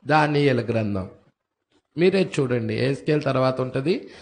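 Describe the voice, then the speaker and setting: A male pastor preaching a sermon slowly and emphatically, often breaking in with "hallelujah" and "praise the Lord," with a Telugu accent. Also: mid-range voice, expressive, darkish tone. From southern India.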